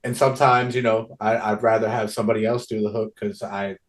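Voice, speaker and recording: A man in his own plain mid-range voice talks easily about making his album. He leans on slang and swear words and keeps checking in with "you know what I mean". His delivery is relaxed and conversational. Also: lowish voice, brisk. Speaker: guest musician. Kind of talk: casual music chat.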